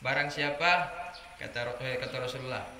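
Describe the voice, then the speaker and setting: A man preaching a religious study sermon to a group of women, telling lively stories and jumping higher in pitch for anecdotes. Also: fairly quick. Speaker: Islamic preacher. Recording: echoey room with background noise.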